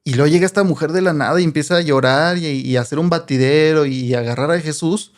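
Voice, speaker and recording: A man with a Mexican accent explaining a Bible passage in a relaxed, conversational way, often tagging his sentences with rhetorical questions. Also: on the high side, quick pace. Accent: Mexican Spanish. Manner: chatty, asks rhetorical questions, frequent "¿no?". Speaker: Bible teacher.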